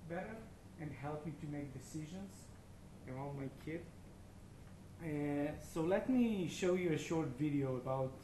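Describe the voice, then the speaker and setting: Israeli founder, mid-age, hesitant and filler-heavy; handheld mic in a large noisy open-plan room. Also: male voice, on the high side, warm tone. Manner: halting, many fillers, non-native phrasing. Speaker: startup founder presenting. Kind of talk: meetup talk. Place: large open-plan office event space. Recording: echoey room with background noise.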